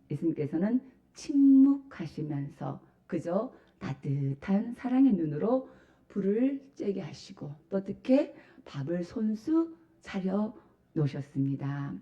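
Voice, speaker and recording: Woman pastor preaching, lots of questions thrown at the congregation, low mellow voice, kinda dull lo-fi sound. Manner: asks the congregation rhetorical questions; animated, emphatic preaching. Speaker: senior pastor. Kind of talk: Sunday sermon. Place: church sanctuary.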